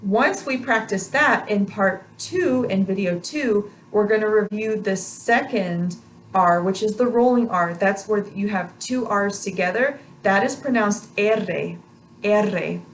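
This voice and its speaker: Woman teaching rolled R exercises, noisy background. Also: mid-range voice. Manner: repeats practice sounds slowly and encouragingly, with tapped R demonstrations. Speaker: language pronunciation teacher. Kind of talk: instructional pronunciation lesson, demonstrating rolled R exercises.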